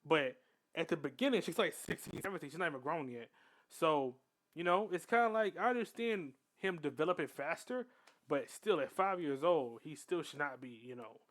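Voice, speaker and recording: A man's voice: on the high side, animated, moderate pace, a bit bright. A young man hosting a reaction video, chatting casually and often restarting his sentences. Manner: chatty, restarts often, keeps saying "bro".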